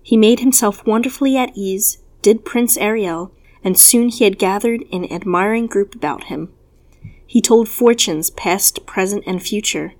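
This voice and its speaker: A woman's voice: medium pitch, measured pace, a little mellow. Woman reading an old-fashioned story. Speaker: narrator.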